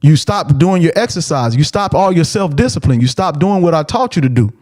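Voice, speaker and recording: A man, a father and show host, telling a personal story in a blunt, animated way, repeating key phrases and acting out what he said. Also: on the high side, a little fast. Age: adult, father of a preteen. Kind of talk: casual storytelling.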